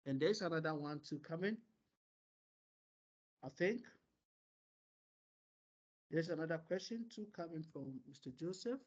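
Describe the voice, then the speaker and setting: A man moderating an online seminar over a video call, relaying questions and explaining in a halting way with many pauses. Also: fairly high pitch, expressive. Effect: heard over a video call. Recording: dull lo-fi meeting audio.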